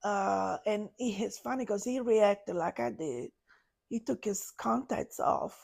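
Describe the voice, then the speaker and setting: A woman, a podcast guest, recounting a personal story in a halting way, searching for words. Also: mid-range voice, vocal fry, darkish tone. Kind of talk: personal story told in an interview.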